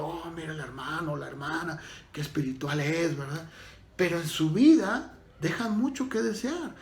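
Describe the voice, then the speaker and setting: A man's voice: high-pitched, darkish tone. Man preaching in an echoey room. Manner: unhurried, thinks aloud with fillers and restarts. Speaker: pastor. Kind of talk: conversational sermon. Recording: roomy echo with faint music behind.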